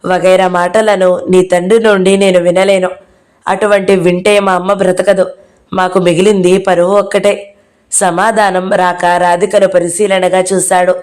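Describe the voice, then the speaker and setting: A woman's voice: lowish voice, level tone, measured pace, a little mellow. A woman narrating a novel aloud as an audio-book reader, reading out every character herself.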